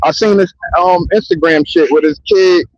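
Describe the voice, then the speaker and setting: Outdoors in a public area near trains, a vlogger with a high-sitting voice talks into a handheld mic at normal speed, the highs cut off in the audio. His loose, profane monologue rambles and keeps circling back to "you know what I mean."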